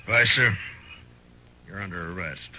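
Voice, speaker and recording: Marshal Matt Dillon, deep-voiced western lawman. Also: a little slow, a little hiss or hum. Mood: dry, firm. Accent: American. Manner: dry, terse, defiant. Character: tough, stern, unflappable Old West US marshal. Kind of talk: 1950s western radio drama acting and narration. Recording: muffled old radio recording.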